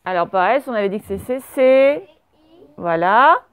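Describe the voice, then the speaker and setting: This primary school teacher has a medium-pitched, clear, resonant voice, expressive and unhurried. She gives a dictation by spelling words letter by letter, quizzing her pupils and praising their answers.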